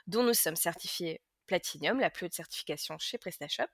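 A woman's voice: on the low side, lively intonation, brisk, a bit bright, no echo, clean studio sound. A woman hosting a casual podcast interview, talking with many fillers and restarts. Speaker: podcast host, marketing manager.

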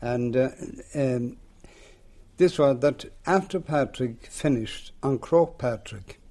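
Mellow, lilting old Irish storyteller, a man. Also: a little high. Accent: rural western Irish. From rural west of Ireland. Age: older, seventies or above. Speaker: local folklore teller. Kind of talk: oral storytelling in an interview.

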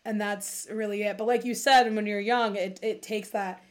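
With a mid-range voice at a moderate pace, a late-twenties woman hosts a laid-back conversation. She uses "like" constantly as a filler and animatedly performs the quotes she's recounting, keeping things chatty.

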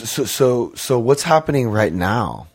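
A man's voice: medium pitch, sing-song, unhurried. A man co-hosting a casual chat, asking eager questions and scattering "like" through his speech. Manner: eager questioning, lots of fillers like "like".

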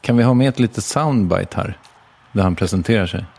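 A man's voice: fairly low pitch, vocal fry, a little mellow, husky. A man hosting a podcast, interviewing in casual chat with teasing, dry jokes. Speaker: podcast host.

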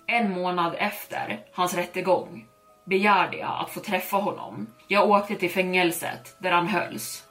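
A Swedish woman reading a dark first-person horror story aloud for her storytelling podcast, in a steady, dramatic way. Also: fairly low pitch. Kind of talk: scripted horror story narration.

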